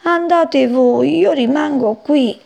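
A woman voicing a weak female frog who speaks slowly and in despair in a storybook reading. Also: high-pitched, gravelly, darkish tone, voice pushed up, full character voice. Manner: slow, despairing.

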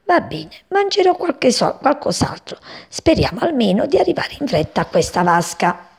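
A woman voicing a big, hot-tempered male frog who talks gruffly and blusters in a storybook reading. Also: high voice, very animated, normal speed, voice pushed up, full character voice. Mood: blustering.

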